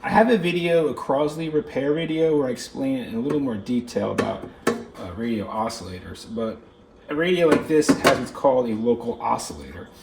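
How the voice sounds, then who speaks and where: In a brisk, mid-range voice, a man narrates his hands-on electronics video without a script, musing aloud as he inspects things and occasionally letting sentences trail off. Clear background noise and room ambience are audible.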